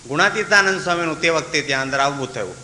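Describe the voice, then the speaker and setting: Gujarati swami preaching in an echoey hall. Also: male voice, fairly high pitch, rapid-fire, bright, forceful tone. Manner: acts out the dialogue of his story, breaks into sung verses. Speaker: swami giving a religious discourse. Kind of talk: devotional sermon with storytelling. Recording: echoey hall with faint hiss.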